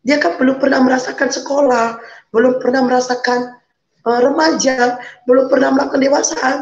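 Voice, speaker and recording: Emotional woman, high voice. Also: steady tone, brisk. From Medan, North Sumatra. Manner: emotional, pleading, repeats phrases. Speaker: guest. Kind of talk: emotional personal testimony. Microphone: video call. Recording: roomy, dull video-call audio.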